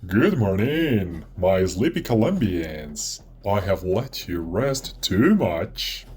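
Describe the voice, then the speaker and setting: A man's voice: sits low, slightly rough, exaggerated voice. A man voicing a cheerful chatty robot. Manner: theatrical, lively, drawn-out delivery. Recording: soft music underneath.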